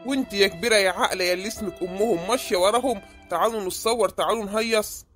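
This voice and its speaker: A woman voicing a stern middle-aged Egyptian father in a cartoon, gruff and sarcastic as he scolds his family, with an Egyptian accent. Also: mid-range voice, rapid-fire, a bit bright, faint music behind, natural voice. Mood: aggrieved lecturing. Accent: Egyptian Arabic. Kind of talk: cartoon voice acting.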